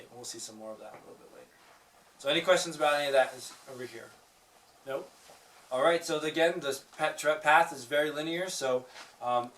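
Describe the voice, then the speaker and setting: This cave guide has a slightly bright, fairly high male voice that echoes around the lava tube. He explains things informally like a teacher, poses questions to his group, and adds playful asides. The faraway microphone picks up the reverberant space and some faint noise.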